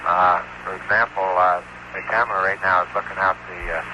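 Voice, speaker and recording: Low-voiced man on crackly space radio. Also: fairly even intonation, bright, forceful tone. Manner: halting, many "uh" pauses while describing. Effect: crackly space radio transmission. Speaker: astronaut. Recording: hissy archival radio link.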